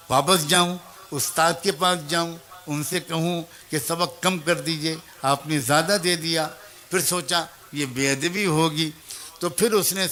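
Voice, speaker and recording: A male preacher delivers an emotional sermon in a high, ringing voice. He tells a story with feeling and turns to speak straight to his listeners. His tone is bright and impassioned throughout. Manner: impassioned, addresses audience directly.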